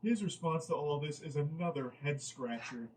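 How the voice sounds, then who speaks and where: A man's voice: fairly high pitch, lively intonation, normal speed, darkish tone, recorded from a distance, slight background noise, poor audio. A man giving comedic commentary on a dating app chat he reads out. He sounds incredulous and exasperated and swears freely.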